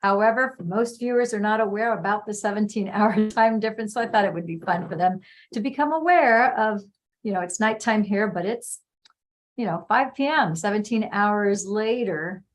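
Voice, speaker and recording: Chatty woman hosting a live online show, easygoing middle pitch, quick friendly questions. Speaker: host. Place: home in California.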